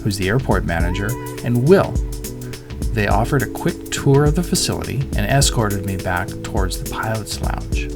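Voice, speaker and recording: A middle-aged man reads a scripted voice-over in the role of a pilot reviewing an airport, with music underneath. His voice is on the low side, with lively intonation, a normal pace, and some vocal fry.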